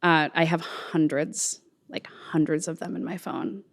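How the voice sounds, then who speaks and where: A woman's voice: low voice, fairly even intonation, measured pace, creaky. A woman guest, a musician, talking informally and earnestly in a reflective conversation, thinking aloud as she goes. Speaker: interview guest, musician and songwriter.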